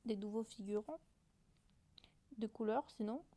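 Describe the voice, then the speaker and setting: A woman's voice: medium pitch, a little slow, mellow. A woman chatting casually and hesitantly as she reacts to her own old videos, often mocking herself.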